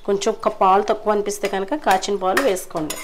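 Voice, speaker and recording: A woman's voice: mid-range voice, level tone, fast, slight background noise. A woman casually narrating a home cooking vlog, chatting politely to her viewers as she cooks. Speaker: cooking vlogger. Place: home kitchen.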